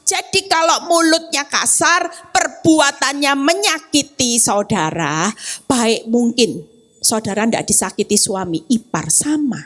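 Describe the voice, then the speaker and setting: A woman evangelist preaching a sermon in a lively way to a church congregation, acting out the voices she quotes. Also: high voice, unhurried. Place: church hall, on-site service.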